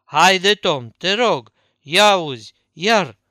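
A jittery, frightened boy voiced by a man reading aloud, urging and pleading in hushed, anxious tones. The voice is bright and crisp, a little high, recorded dry and close. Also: animated, dry recording. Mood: scared. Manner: anxious pleading whisper-talk. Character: frightened scrappy young boy, Huckleberry.

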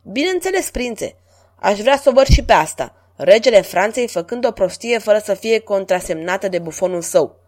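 Brief: a woman playing a sly, sardonic jester, sharp-tongued and mocking. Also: mid-range voice, lively intonation, lightly acted. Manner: mocking, quick jibes. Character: sardonic male court jester, witty and uneasy.

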